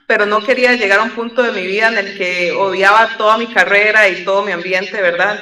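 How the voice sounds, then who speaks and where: Costa Rican woman on a roomy call. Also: medium pitch. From Costa Rica. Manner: relaxed, reflective, uses many fillers like como and verdad. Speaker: airline pilot guest. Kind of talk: conversational storytelling interview. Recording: roomy echo, distant from the mic.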